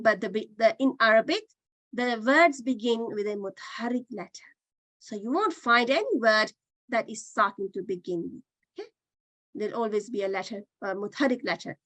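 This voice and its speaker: A woman leads an online Qur'an reading class, her voice high and bright. She is patient and keeps demonstrating each sound by repeating it, heard through a dry computer mic. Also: animated, normal speed, dry recording, low-quality recording.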